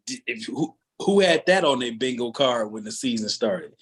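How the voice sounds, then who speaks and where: A man's voice: medium pitch, lively intonation, moderate pace, breathy edge, low-quality recording. A man hosting a casual basketball podcast chat, talking in a loose, conversational way and drawing out his phrases. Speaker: podcast host.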